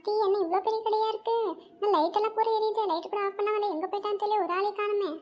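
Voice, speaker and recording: A shrill, very high cartoon big sister, voiced by a woman, scolding and grumbling at everyone. She rattles along at a brisk clip, nagging the whole way. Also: fairly even intonation, darkish tone. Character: loud bossy grown woman, grumbling elder sister. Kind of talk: comedy cartoon voice acting.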